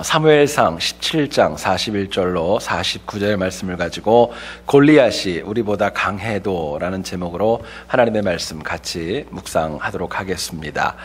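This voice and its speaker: A man preaching a Sunday sermon as pastor, telling light humorous stories in a lively way before turning to the scripture. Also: on the low side, breathy edge. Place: church sanctuary.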